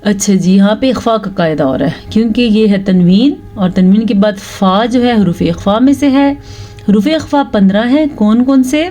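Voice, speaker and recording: A woman teaching Quran recitation rules, reciting verses slowly and drawn out, then explaining each rule. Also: medium pitch, mellow. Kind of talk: slow recitation lesson with explanations.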